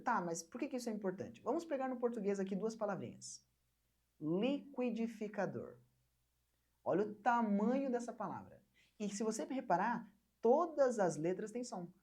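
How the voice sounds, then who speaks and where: A young woman from Brazil teaching an online English lesson, patiently repeating words slowly for learners to copy. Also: mid-range voice, darkish tone, slightly rough.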